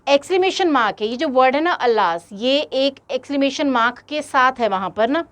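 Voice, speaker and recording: A woman's voice: high voice, expressive, moderate pace. A woman teacher going through exam questions step by step, speaking straight to her students. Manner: explains step by step, addresses students directly. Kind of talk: exam-prep lesson in Hindi-English mix.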